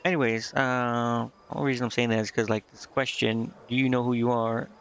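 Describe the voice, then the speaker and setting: Fairly quick and a bit bright, a man's medium-pitched voice holds fairly even intonation. He gives casual, meandering game stream commentary, hesitant and vague, and reads dialogue aloud, all through a dull lo-fi mic with clear background noise.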